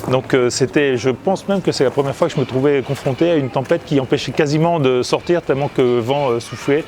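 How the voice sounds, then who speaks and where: A man talks casually on a stroll through seaside streets, his thoughts coming in halting bursts full of fillers and restarts. A faint hum of traffic and outdoor noise sits behind his voice. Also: medium pitch, a little mellow. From Italy and Grenoble, France. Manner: hesitant, many fillers and restarts. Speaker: comic book artist. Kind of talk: casual walking chat to camera.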